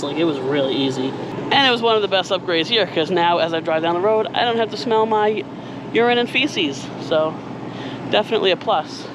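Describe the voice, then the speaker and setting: Man, fairly high voice, casual DIY vlog host, outdoors, clear background noise of hum and traffic. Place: outdoors at an RV, partly on its roof.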